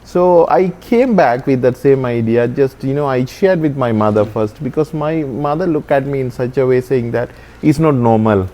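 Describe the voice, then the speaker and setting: A man from Sri Lanka, a Jesuit priest earnestly telling the story of his vocation with frequent pauses and fillers. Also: mid-range voice, dark tone. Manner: earnest, often slowing and hesitating with fillers. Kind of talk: reflective personal storytelling.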